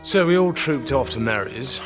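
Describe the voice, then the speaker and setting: An actor playing a wry upper-class Englishman recounting memories in a period television drama, measured. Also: mid-range voice, animated, soft background music, lightly acted. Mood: wry, reflective.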